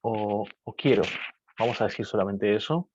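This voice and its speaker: Male teacher, low voice, hesitant storyteller, muffled video call with faint hiss. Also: normal speed. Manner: hesitant, many restarts and fillers, animated when telling stories. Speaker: Mandarin teacher speaking at a webinar. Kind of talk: casual explanatory talk with anecdotes. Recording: dull lo-fi video call audio, faint noise.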